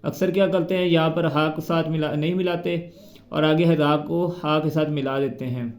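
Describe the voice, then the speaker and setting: A man teaching a Quran reading lesson, spelling out letters and vowel marks slowly before reciting the words. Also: on the high side, fairly even intonation, a little mellow, roomy sound.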